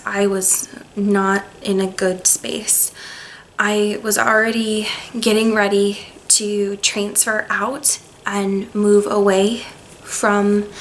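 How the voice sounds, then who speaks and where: A young woman talking to camera in a personal, reflective vlog, hesitant and soft-spoken, with pauses and restarts. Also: mid-range voice, a little hiss or hum, low-quality recording. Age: young adult. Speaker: vlogger.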